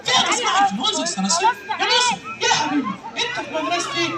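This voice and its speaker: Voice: very high-pitched, racing, heavy background noise. A party entertainer with an Egyptian accent, teasing and calling out to children during a puppet show. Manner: lively, teasing, calls out to the kids. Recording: echoey hall from far off, loud crowd.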